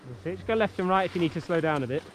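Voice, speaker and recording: A man with a fairly high voice chats while skiing down a slope, gently encouraging and coaching. He is recorded outdoors on a helmet camera. Faint noise sits behind him. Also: expressive, very fast. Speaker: parent skiing with his son. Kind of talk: casual chat. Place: outdoors on a snowy ski slope.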